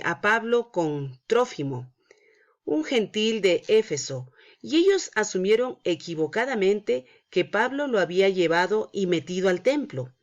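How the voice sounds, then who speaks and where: A woman's voice: mid-range voice, muffled recording. Woman teaching a children's Bible lesson. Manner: prays then narrates a Bible story to children. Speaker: Sunday school teacher.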